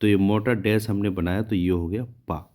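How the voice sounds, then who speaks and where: A man's voice: on the low side, steady tone, moderate pace, a little mellow. A man teaching shorthand step by step, patiently checking in with his students and counting out each stroke as he draws it. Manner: patient, repeats "ठीक है" to check understanding. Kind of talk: step-by-step tutorial explanation.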